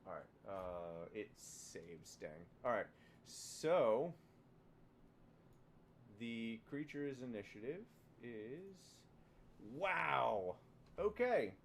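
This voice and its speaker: A man narrating as dungeon master, talking in a halting way with many fillers and restarts. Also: medium pitch, very animated, creaky, slight background noise. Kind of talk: narrating a tabletop game.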